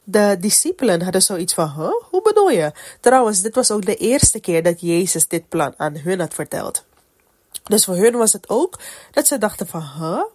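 A woman's voice: medium pitch, lively intonation, normal speed, darkish tone, dry recording, studio quality. A woman hosting a solo podcast with a congested, stuffy nose from a cold, talking in a casual, reflective storytelling way about personal faith. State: has a cold. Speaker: podcast host.

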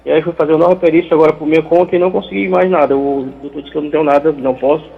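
Gravelly, fast-talking man over the phone. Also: a little high, fairly even intonation. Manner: halting, repeats words while explaining. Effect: heard over the phone. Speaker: caller. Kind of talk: call-in question to a radio show. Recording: tinny phone line with long echo.

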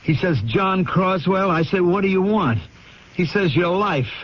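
An actor playing an irritable, troubled husband in a radio drama, testy and agitated, on a muffled old recording. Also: male voice, high voice, lively intonation, unhurried. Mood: uneasy, weary.

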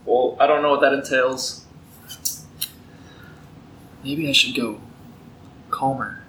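A man co-hosting a casual podcast, loud and sarcastic. His voice is bright and forward. A light background hiss runs under him. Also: medium pitch, fairly even intonation, takes it slowly, low-quality recording. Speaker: podcast co-host. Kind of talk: casual chat.

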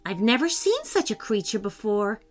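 A woman's voice: mid-range voice, very animated, normal speed, faint music behind. A woman voicing a kind, brave young prince who speaks earnestly to his sisters and a wizard. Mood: curious.

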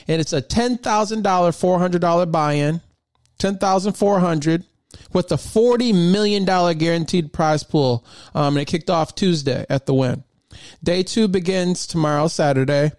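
A man's voice: on the high side, normal speed, darkish tone, smooth, dry recording, clean studio sound. A man hosting his own podcast, talking casually and enthusiastically, rambling with lots of fillers and restarts. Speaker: podcast host. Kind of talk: casual solo podcast talk.

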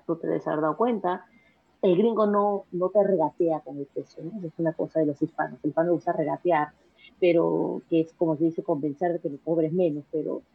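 Her ideas piling up, a young Peruvian woman chats quickly and energetically in a casual interview, with many restarts and repeated words. She has a low, husky voice that sounds thin and tinny, as if heard over a phone.

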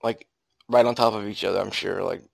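A man's voice: fairly low pitch, steady tone, fairly quick, creaky, no room sound. A man hosting a podcast, chatting casually with a co-host.

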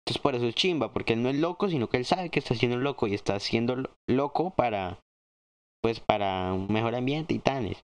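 A young man chatting loosely on a podcast, full of slang and quick jokes. His voice sits at an ordinary pitch but leaps up high whenever he teases. He sounds excitable and playful. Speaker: podcast co-host. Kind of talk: casual chat.

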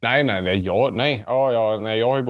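A man's voice: mid-range voice, no echo, phone-quality sound. A man with a mixed Swedish dialect, largely Gothenburg, chatting casually as a podcast co-host. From Gothenburg, Sweden. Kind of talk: casual chat.

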